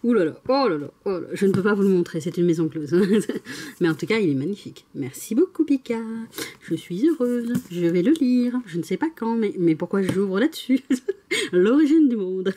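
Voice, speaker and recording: A young adult woman chatting casually in a vlog, giggling often and getting excited as she talks about her day. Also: medium pitch, normal speed. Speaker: vlogger.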